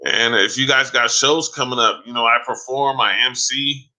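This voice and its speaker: Through a rough recording, a live streamer chats straight to his audience by name at a moderate pace, his mid-range voice fairly even in intonation but very bright and tense. He rambles loosely, leans on fillers, says "man" often at line ends, and is getting hoarse after a long time broadcasting.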